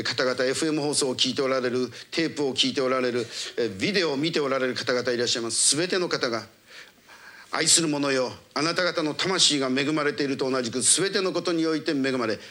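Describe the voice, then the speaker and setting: Fervent pastor praying, bright voice. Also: male voice, medium pitch. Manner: formal, fervent, commanding rebukes.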